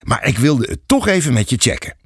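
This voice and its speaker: A man voicing a relaxed, easygoing neighbor who builds a rocket, in an audiobook story. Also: medium pitch, a little fast, slightly rough, dry recording, clean studio sound. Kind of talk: audiobook fairy tale reading.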